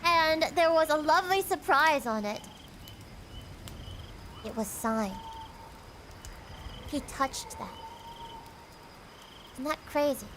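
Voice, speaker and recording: Bubbly high-voiced woman streamer. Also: takes it slowly, long pauses, fairly bright tone, slight background noise. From United States. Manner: bubbly, giggly, reads and greets chat. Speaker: VTuber streamer and singer. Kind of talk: casual livestream chat.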